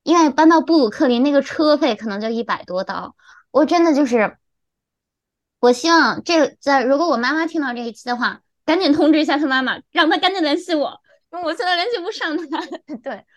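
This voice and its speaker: A young woman in her twenties co-hosting a podcast, telling a story in an animated, exasperated way. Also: high voice, brisk, dry recording. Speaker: podcast co-host. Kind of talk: casual chat.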